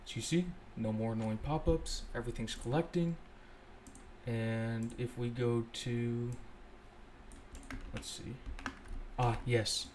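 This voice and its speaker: A man's voice: mid-range voice, fairly even intonation, slow pace, long pauses, noisy background. A young man casually walking through a coding tutorial, thinking aloud and correcting himself as he goes. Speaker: scripting tutorial host. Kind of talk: casual screen-recorded coding walkthrough.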